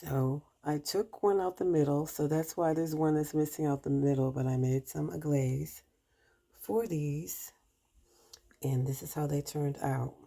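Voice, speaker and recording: Woman, home baking vlogger: low, warm gravelly voice, chatty and homey with viewers from her kitchen. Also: steady tone, measured pace. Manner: chatty, talks to viewers while cooking, hums while tasting; talks with mouth full at times. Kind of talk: casual chat while baking.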